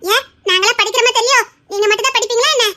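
Touchy teen girl, Tirunelveli accent, very high, bright voice, sarcastic, played by a woman. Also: racing. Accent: Tirunelveli Tamil. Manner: sharp, sarcastic retorts. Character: touchy, proud teenage girl.

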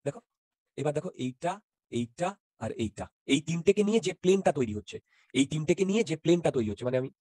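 Bengali-guy teaching physics online, talks quick, keeps asking if u got it, dry close mic. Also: a little high, animated, a little mellow, no echo. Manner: keeps checking if students follow, mixes in English terms. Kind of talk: interactive online class.

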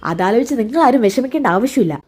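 A woman voicing a sharp-tongued young woman who coldly rejects her own child, snapping scornful retorts. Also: a little high, expressive, rapid-fire, slightly rough. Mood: angry.

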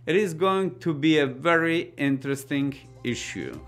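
A middle-aged man with a Russian accent presenting scripted news commentary in a deliberate reading manner. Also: fairly high pitch, animated, a bit bright, soft background music.

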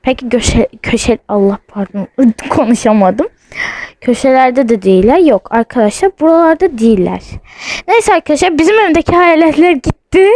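Playing a ghost-hunting app in her house, this young woman vlogs on her phone, on edge and insisting over and over that she's frightened. She speaks at a normal speed in a high-pitched, animated voice with a darkish tone. It's a rough recording without echo.

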